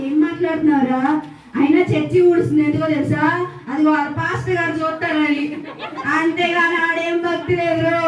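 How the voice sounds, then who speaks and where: A woman playing a scornful, scheming evil spirit in an amateur church skit, mocking in manner. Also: very high voice. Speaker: skit actor. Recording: very echoey, distant, dull lo-fi.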